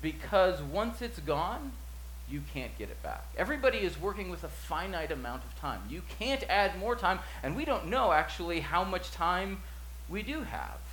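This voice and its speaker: Pastor guy in his 40s, super lively up and down delivery, bright voice, echoey church room w/ faint hum. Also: sits high, moderate pace. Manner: animated, acts out quotes, swings from loud to hushed. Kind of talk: sermon with storytelling.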